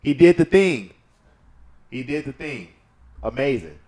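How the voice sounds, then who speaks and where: Male co-host, mid-pitched, blunt and profane, riffs mockingly. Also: lively intonation, a little slow. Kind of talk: casual reaction commentary.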